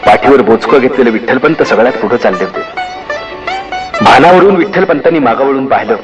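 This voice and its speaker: Expressive male storyteller over music. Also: mid-range voice, a little fast, lo-fi sound. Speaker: author and narrator. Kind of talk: solo dramatic novel reading. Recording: music behind the voice.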